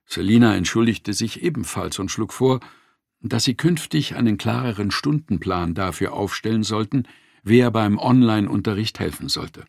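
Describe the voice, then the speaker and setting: A man narrating a nonfiction audiobook in a measured, expressive reading, close to the mic. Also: on the low side, creaky, no echo.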